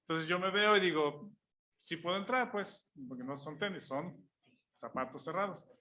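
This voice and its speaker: Man, pitched a bit high with a bright, forceful tone, preaching through a lively personal anecdote, voicing each person in it. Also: moderate pace. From Mexico. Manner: storytelling, acts out dialogue, chuckles while telling it. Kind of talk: sermon illustration told as an anecdote.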